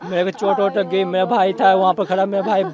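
Young man, flat-toned, halting account. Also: high-pitched. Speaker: survivor interviewed. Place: outdoors among a crowd. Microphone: handheld news mics. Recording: muffled with crowd noise.

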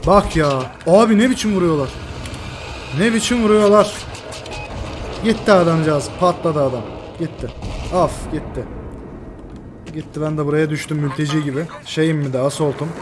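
A high-voiced man commentating his own shooter gameplay, quick to yell and curse at teammates. Game noise and engine rumble sit clearly under his voice. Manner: excitable, swears and shouts at teammates. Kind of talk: live gaming commentary.

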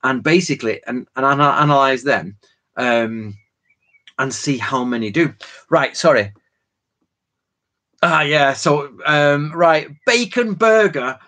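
Speaking at a medium pitch, slowly and with frequent pauses, this forty-something host sounds bright and forceful on his live Q&A stream. His casual lecture wanders through tangents, loaded with slang and fillers.

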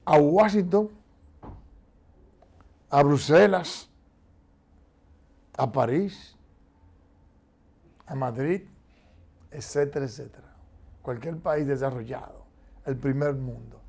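Speaking slowly with frequent pauses, the same kind of middle-aged commentator has a slightly high, creaky voice. He argues his point emphatically in a televised studio debate, animated and talking with his hands.

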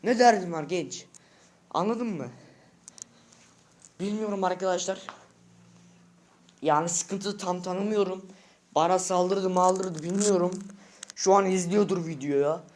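A high-voiced male vlogger rants at his viewers from home, agitated and emphatic. He piles on slang and circles back to the same short lines over and over, talking casually and off the cuff. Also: slow pace, long pauses, darkish tone. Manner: agitated, keeps repeating short phrases and calling out to viewers. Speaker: vlogger addressing subscribers. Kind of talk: unscripted casual vlog rant. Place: at home indoors.

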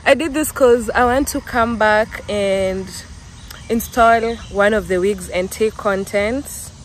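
A young Kenyan-accented woman talks slowly and easily into a handheld phone while out and about, breaking into laughter and self-mocking asides. Her pitch sits in a middle range. Faint outdoor noise and passing traffic sit underneath. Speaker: vlogger. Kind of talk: casual vlog chat to camera. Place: outdoors, walking around town.

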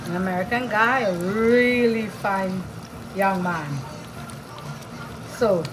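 A Trinidadian woman around sixty from southern Trinidad, chatting homely and repeating herself as she shows her cooking. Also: medium pitch. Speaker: home cook. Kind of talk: casual cooking demonstration. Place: home kitchen. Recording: echoey kitchen with music behind.

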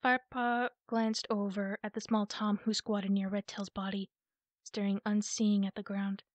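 A woman reading a children's animal novel aloud in a calm, measured soft ASMR style, close to the mic. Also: medium pitch, no room sound. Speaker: audiobook reader.

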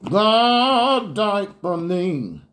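Man voicing a high-pitched preachy old puppet grandpa. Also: exaggerated voice. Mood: earnest. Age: older. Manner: animated, drawn-out preaching. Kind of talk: comedic ventriloquist puppet act.

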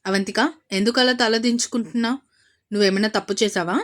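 A man's voice: sits high, fairly even intonation, fast, fairly bright tone. Woman doing a hot-tempered young brother. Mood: stern. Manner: scolding, stern.

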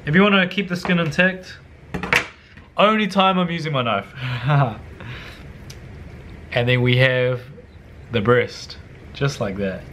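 A young cooking vlogger with a Kiwi accent, sounding a bit bright, talks casually through a tutorial in his home kitchen. He drops slang and offhand swear words, often mutters quietly, and there's a little hiss or hum on the recording.

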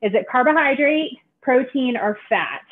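A woman's voice: high voice, lively intonation, normal speed. A woman in her thirties, a sports dietitian, leading a live online cooking demo for kids from a home kitchen, friendly and instructive with frequent "um" fillers. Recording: tinny video-call audio.

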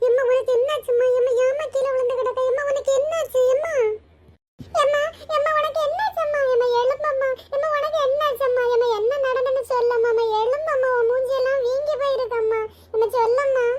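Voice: extremely high pitch, steady tone, fast, a little mellow. A voice actor voicing a worried young daughter in a cartoon, calling and pleading again and again. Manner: pleading, repeats calls of mother. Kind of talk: cartoon voice acting.

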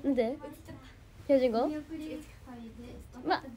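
Bubbly high-voiced teen girl with Kansai accent. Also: slow pace, crowd noise. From Hyogo, Japan. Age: teens. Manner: bubbly, thanks viewers by name, refers to herself by name. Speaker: idol livestreamer. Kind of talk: casual livestream chat reading viewer comments.

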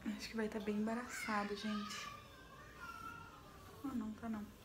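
A woman's voice: medium pitch, flat delivery, moderate pace, background noise. A woman with a Brazilian accent chatting nervously to her viewers in a casual home vlog, filmed on a phone set down nearby. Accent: Brazilian Portuguese. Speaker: vlogger. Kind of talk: casual vlog chat to camera. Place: home, bathroom area. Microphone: phone camera set down nearby.

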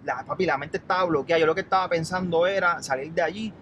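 A man with a Puerto Rican accent, telling an anxious story in a casual chat, animated and acting out quotes. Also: a little high, fast. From Puerto Rico. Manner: animated, calls the listener papi, acts out quotes. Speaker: guest, chef. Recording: noisy background.

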